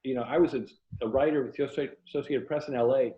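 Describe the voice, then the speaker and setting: The voice is mid-range and steady, but he talks at a racing pace. He is an older American man from Tampa, Florida, a writer and one-time journalist, casually recounting anecdotes as an interview guest. He's on a video call from indoors, and the sound is roomy and dull.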